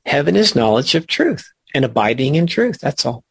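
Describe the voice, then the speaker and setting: A man leading a spiritual study group, teaching in a slow, reflective and emphatic way. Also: on the high side, very animated, gravelly, breathy edge, dry recording.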